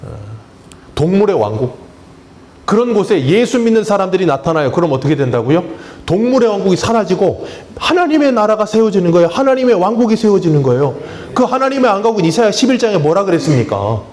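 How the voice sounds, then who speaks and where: A male pastor preaches in a church with a voice pitched a little high for a man, swinging up and down as he talks. He keeps putting questions to the congregation and answering them himself, in a chatty, humorous way. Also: sing-song, quick pace, a little mellow. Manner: conversational, plain-spoken preaching with touches of humor. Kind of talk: sermon. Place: church sanctuary.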